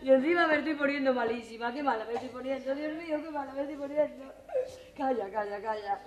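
A woman's voice: high voice, echoey room, lightly acted. Actress playing a luckless jilted woman on stage. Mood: comic lament. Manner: quick comic asides turning to tearful pleading. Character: luckless jilted woman, comic yet heartbroken. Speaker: lead actress in a stage revue. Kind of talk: stage comedy performance. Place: theater stage before a live audience. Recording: 1980s television theater recording with audience laughter.

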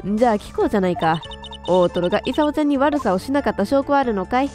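A woman voicing a pushy, gossiping middle-aged woman who talks brashly and roughly. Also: on the high side, expressive, fast talker, darkish tone, faint music behind, lightly acted. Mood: scolding.

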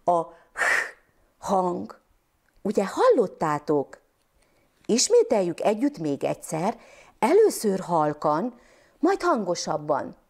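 A Hungarian woman from Transylvania teaching first graders to read, sounding out syllables and letters slowly and clearly. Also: on the low side, wildly swooping pitch, a little mellow. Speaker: primary school teacher.

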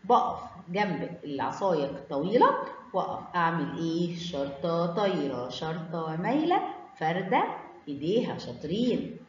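A woman with an Egyptian accent teaching children Arabic letters, sounding them out in a sing-song, drawn-out way. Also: on the low side, very animated, darkish tone, slight background noise. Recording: roomy, slightly dull recording.

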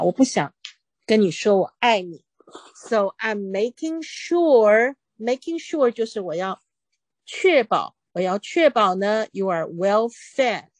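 A woman's voice: mid-range voice, a little mellow, no echo. A woman teaching English in Mandarin. She reads short English phrases, then explains each one in Mandarin, often saying OK between points. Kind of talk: Mandarin-language English reading lesson.

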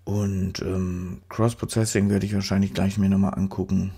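Stuffed up from a cold, a man casually narrates a photo-editing tutorial into a studio microphone, rambling and correcting himself along the way. His low voice is level, mellow and slightly rough, with vocal fry, at a normal speed.

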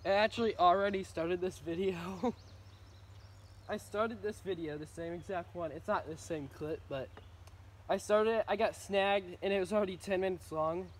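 A man's voice: high-pitched, normal speed. A man vlogging while fishing outdoors by a pond, talking casually and a little mumbled from the sunflower seeds in his mouth. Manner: rambling, chatty. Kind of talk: casual chat to camera.

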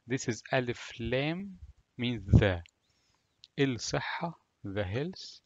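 A male language teacher with an Egyptian Arabic accent explains phrases deliberately, word by word. His voice sits at an average male pitch. The recording is dry and somewhat muffled. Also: expressive, a little mellow, no room sound. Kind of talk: language lesson, slow explanation with repeated phrases.

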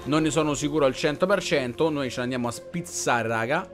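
A young man commenting on a video game pack opening, talking straight to his viewers in an excitable, chatty way. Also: medium pitch, fairly quick, faint music behind. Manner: excitable, addresses viewers as "raga". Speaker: gaming streamer.

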